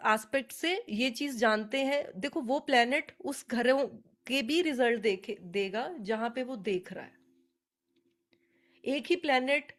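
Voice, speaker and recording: A woman teaching astrology on a live webinar, chatty and earnest, speaking to attendees by name over a video call. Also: fairly high pitch.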